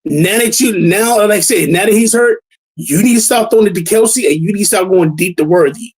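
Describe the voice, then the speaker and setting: High-voiced male host for a casual sports chat, excitable, stammering over his words. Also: a little fast, breathy edge, rough recording. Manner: excitable, stammering, repeats himself. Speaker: podcast host.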